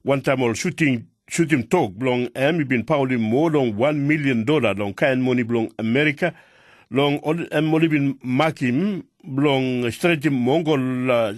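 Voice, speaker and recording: A man reads the news in Papua New Guinea pidgin with a Papua New Guinean accent. His mid-pitched voice follows a script, in a dry, close studio sound. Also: normal speed, no echo. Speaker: radio news reader.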